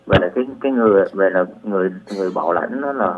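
A man's voice: deep voice, lively intonation, racing. A man calling in to a radio advice show, polite and deferential as he asks his question. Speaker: caller. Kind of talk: call-in question. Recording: thin phone line.

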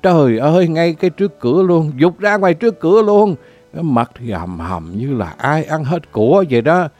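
A man's voice: fairly high pitch, animated, moderate pace, darkish tone, faint music behind. A man with a Southern Vietnamese accent telling a comic story in a theatrical, lamenting way, full of exclamations.

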